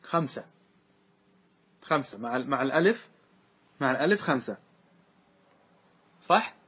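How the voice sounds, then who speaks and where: A man's voice: mid-range voice, lively intonation, moderate pace, a bit bright, breathy edge. A man teaching a grammar lesson, asking the class questions and repeating the answers to them. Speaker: teacher explaining grammar verses.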